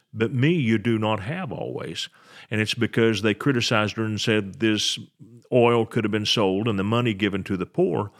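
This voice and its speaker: An older man, a pastor, teaching a sermon and explaining Bible verses, slowing down to stress key words. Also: medium pitch, fairly bright tone.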